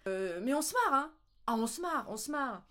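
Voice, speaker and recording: A French woman vlogging, telling anecdotes in a casual, animated way with lots of laughter. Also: high-pitched, normal speed. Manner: animated, laughing, with playful English mimicry. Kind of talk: casual storytelling.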